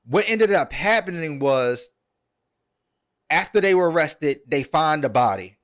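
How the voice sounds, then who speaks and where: A man's voice: fairly high pitch, animated, a little slow, a bit bright. A man hosting a podcast, retelling a story at length in a casual, earnest way, with many ums and repeated words. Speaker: podcast host.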